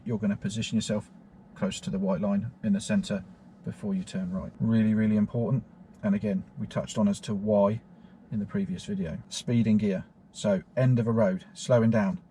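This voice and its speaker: Male driving instructor, low and mellow, patient repetitive explainer with fillers, in a car. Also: a little hiss or hum. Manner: steady, repetitive teaching with frequent fillers. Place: inside a car on a road.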